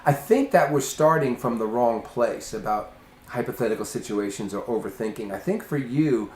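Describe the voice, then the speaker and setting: A man's voice: medium pitch, moderate pace, darkish tone. A man coaching a younger woman in a casual conversation, earnest and emphatic, sometimes acting out quoted voices. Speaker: host, life coach. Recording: roomy, faint ambient noise.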